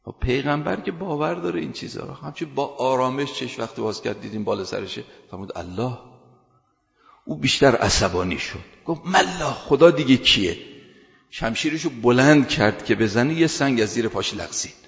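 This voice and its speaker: A man with a low, gravelly voice delivers an earnest sermon and tells stories, pushing his key phrases louder as he builds. The sound carries a long hall reverb. The recording is dull and lo-fi. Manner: earnest, builds emphasis with rising loud phrases. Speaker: preacher. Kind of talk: sermon with storytelling.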